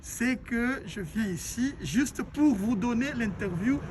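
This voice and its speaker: A man's voice: extremely high pitch, animated, takes it slowly, background noise. A male journalist asking interview questions, rephrasing and repeating them with many fillers.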